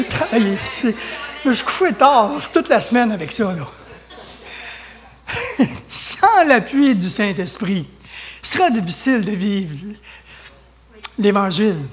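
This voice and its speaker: A man's voice: sits high, slow, pauses often. Fervent Québécois preacher man. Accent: Québécois French. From Quebec. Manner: lively, fervent preaching with frequent hallelujahs and chuckles. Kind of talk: sermon.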